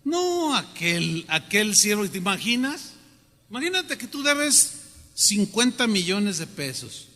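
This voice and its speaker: A man preaching a sermon, animated and often questioning the congregation. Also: high-pitched, takes it slowly. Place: church hall. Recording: long hall reverb.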